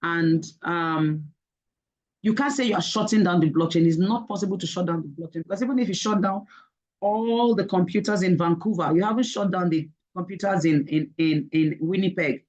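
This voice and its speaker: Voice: medium pitch, moderate pace, a little mellow, highs cut off. A presenter giving a webinar, explaining things step by step with frequent "okay?" check-ins and some fillers.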